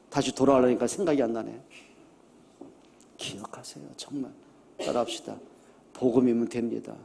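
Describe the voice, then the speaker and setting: Here a middle-aged pastor delivers a sermon at medium pitch, earnest and conversational in tone. His exhortations come back again and again, alternating between quiet passages and loud bursts of emphasis.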